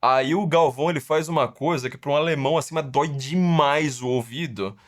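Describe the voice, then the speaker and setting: He speaks fairly quickly with a fairly high pitch. As the host of a casual podcast, this middle-aged Brazilian with a Brazilian Portuguese accent uses sarcastic, mocking word-stretching for emphasis.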